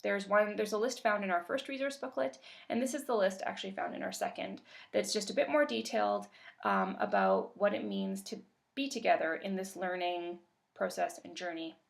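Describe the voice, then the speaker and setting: A woman from Canada giving a webinar presentation as a workshop facilitator, calm and measured with occasional fillers. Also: medium pitch, gravelly.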